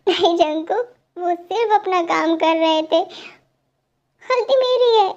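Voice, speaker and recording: A gentle young woman pleads through tears in a very high voice, voiced by a young woman. Her heartbreak colors every line. The home recording sounds dull and lo-fi. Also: slow, full character voice. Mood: heartbroken. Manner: tearful, pleading. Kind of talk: dramatic fan-dub voice acting.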